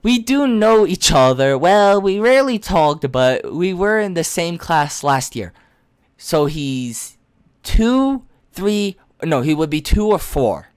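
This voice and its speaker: A woman streamer reads a visual novel aloud with a wry running commentary. Her voice sits low, her pitch swings lively, and the sound is dry and close, with a stammering, offhand delivery. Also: slow, clear, resonant tone, no echo.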